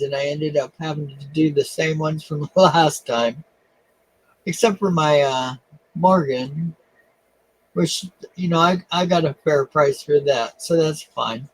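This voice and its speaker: A man hosting a casual coin live stream, talking in a halting, self-deprecating way with lots of fillers. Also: a little high, rough recording. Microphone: webcam.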